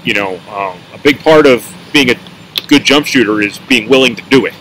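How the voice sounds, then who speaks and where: A male sports reporter talks through a post-game breakdown in a bright, forceful voice. He rambles, corrects himself and drops dry asides while a mint sits in his mouth. A faint background hum runs under the recording. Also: mid-range voice, normal speed, low-quality recording. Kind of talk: post-game analysis monologue.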